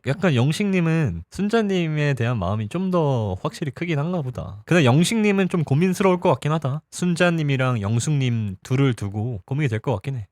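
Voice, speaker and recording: A man's voice: fairly high pitch, no room sound, studio quality. A young man recapping a TV show episode in a casual, chatty way, laughing often and acting out what people said. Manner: chatty, laughs often, acts out quoted lines. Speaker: TV show reviewer.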